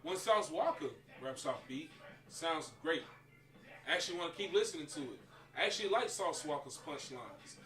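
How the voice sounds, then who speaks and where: A man's voice: on the high side, lively intonation, moderate pace, roomy sound, distant mic, soft background music. A man co-hosting a heated casual chat about rap, brash and teasing. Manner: brash, teasing, repeatedly shouting insults. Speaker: podcast co-host.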